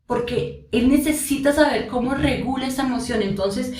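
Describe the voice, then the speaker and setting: A woman parenting coach talks earnestly, directly addressing moms and dads in a podcast. Her voice sits a bit high. It is heard from some distance in a roomy, echoing space. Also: moderate pace, darkish tone. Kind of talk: parenting advice podcast monologue. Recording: echoey room, distant mic.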